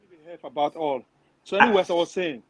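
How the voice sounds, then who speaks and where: A man's voice: on the high side, fast, fairly bright tone, no room sound. A man, talking bluntly in a heated online discussion over an earpiece on a patchy connection, his volume dropping and jumping. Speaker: participant in an online live discussion. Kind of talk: heated political talk.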